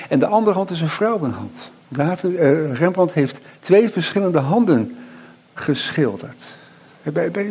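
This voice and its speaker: A middle-aged man preaching a sermon, reflective, with slow emphatic pauses and frequent tag questions. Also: high voice, darkish tone, breathy edge.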